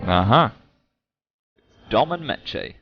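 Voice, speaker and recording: A man's voice: medium pitch, very animated, extremely slow, slightly rough, dull audio, soft background music. A man hosting a let's play with casual game commentary and wry asides.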